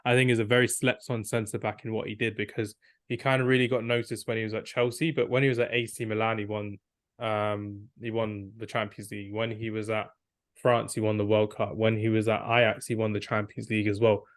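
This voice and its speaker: A man's voice: lowish voice, level tone, a little fast, no echo, studio quality. A young man co-hosting a football podcast, rambling enthusiastically and acting out quotes. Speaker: podcast co-host. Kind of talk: casual football debate.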